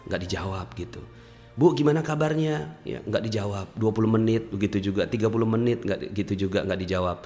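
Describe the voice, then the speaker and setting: A man with a fairly low voice gives a seminar talk, telling a story with animated, sudden jumps in pitch. His voice rings out with the long reverb of a hall, and soft music plays underneath. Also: fast, hardly any pauses. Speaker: motivational speaker.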